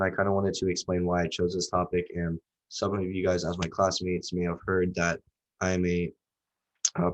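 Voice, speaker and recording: This is a student presenter, a young man from Southwest Florida, rambling casually through a class presentation with plenty of fillers. A cold makes him sound nasal, his voice sits low, and the recording is rough.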